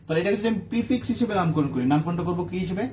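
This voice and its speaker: High-voiced man teaching a lesson. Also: very fast, a little mellow, slight background noise. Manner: asks questions and answers them himself, checking "ঠিক আছে?". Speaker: chemistry teacher. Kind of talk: classroom lecture.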